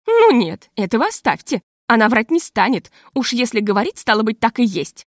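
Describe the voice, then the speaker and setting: A woman's voice: fairly high pitch, big pitch swings, moderate pace, dry recording, studio quality. A woman reading an audiobook voices a pushy, scornful female guest who keeps insisting on her gossip. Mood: insistent. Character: stubborn gossiping female guest, middle-aged, smug and pushy.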